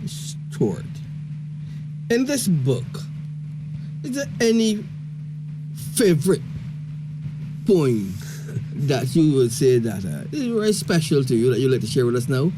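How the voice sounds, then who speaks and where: A man hosting a call-in radio show, jovial and quick to laugh as he asks questions. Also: mid-range voice, wildly swooping pitch, background noise. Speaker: radio host.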